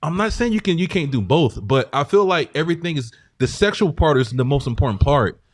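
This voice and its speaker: A man's voice: on the high side, expressive, a little fast, no echo. A man, chatting casually and earnestly, often restarting his point. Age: 40s. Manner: earnest, hedging with repeated "like". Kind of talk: casual chat.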